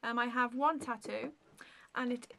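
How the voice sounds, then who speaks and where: A woman's voice: a little high, steady tone, a little slow, gravelly. A woman in her thirties chatting casually to the camera in a Q&A vlog, answering viewer questions in a rambling way, full of ums and likes. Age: 30s. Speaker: beauty vlogger.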